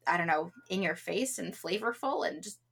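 Woman, young adult, from New England, chatty, bright voice, casual chat. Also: lowish voice, lively intonation, moderate pace, gravelly, husky. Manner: chatty, full of "like" and laughs.

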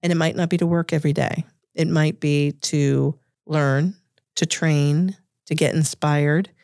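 A woman's voice: low voice, steady tone, measured pace, gravelly, darkish tone, no echo, clean studio sound. A woman with a Boston accent answering interview questions thoughtfully, as a guest. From Revere, Massachusetts, United States. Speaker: interview guest, corporate lawyer.

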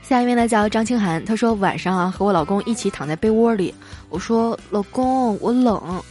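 A woman hosting a comedy show, reading out listener jokes in a lively storytelling way and chuckling through the punchlines. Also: mid-range voice, fast talker, soft background music. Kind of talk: comic storytelling.

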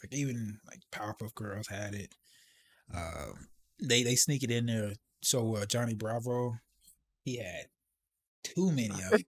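A man co-hosting a podcast in casual chat, relaxed and rambling, laughing often. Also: lowish voice, a little slow, husky. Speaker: podcast co-host.

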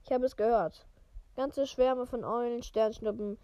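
A woman's voice: fairly high pitch, steady tone, measured pace, dark tone, smooth, no room sound, dull audio, close to an everyday voice. A woman reading the lines of a stern, irritable elderly witch professor in her own voice, stumbling over words now and then. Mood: irritated.

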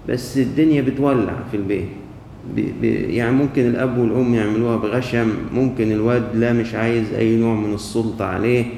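A man's voice: medium pitch, vocal fry, mellow, a little hiss or hum. A man with an Egyptian accent giving a conversational sermon during a church service, telling a story and posing rhetorical questions that he answers himself. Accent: Egyptian Arabic. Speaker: preacher. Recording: echoey church hall with long reverb.

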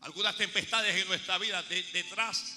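A man pastor preaching a sermon, rising to shouts and dropping to quiet asides. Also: sits high, fairly even intonation, moderate pace, in a large hall, faint music behind.

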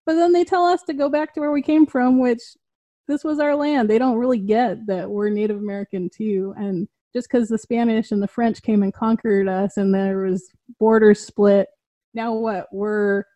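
A woman guest in a casual conversation speaks at normal speed in a fairly high, mellow voice with a steady tone. She comes across as heartfelt and earnest, saying "like" often.

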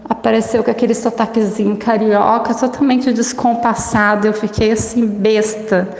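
Outspoken woman with a high voice, echoey room. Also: normal speed, gravelly. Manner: outspoken, animated, many restarts. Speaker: vlogger telling a personal story. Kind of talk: casual storytelling to viewers. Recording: echoey room with long reverb.

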